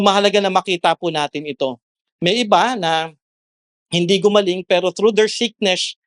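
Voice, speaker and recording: Earnest pastor preaching, dry close sound. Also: male voice, fairly high pitch, no echo. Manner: earnest, mixes English into his preaching, rises sharply when exhorting. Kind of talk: sermon.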